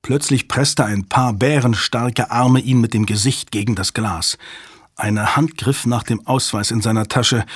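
A man narrates a thriller in a measured, suspenseful way. His voice is husky and mid-pitched, recorded close with a dry sound. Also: dry recording. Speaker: audiobook narrator. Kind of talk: scripted narration.

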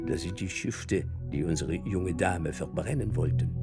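A man voicing an excitable young male servant in a storybook reading, with shrill, excited outbursts. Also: a little slow, over loud music. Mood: muttering.

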